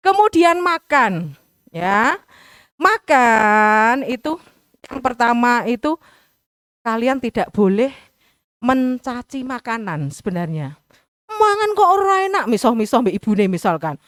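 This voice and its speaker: A woman's voice: on the high side, very animated, a little slow, long pauses, fairly bright tone, no room sound, studio quality. A middle-aged woman teacher with a Javanese accent, talking to students in a chatty way and acting out everyday examples. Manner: chatty, mixes in local dialect, acts out examples. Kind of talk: school orientation talk. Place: school hall.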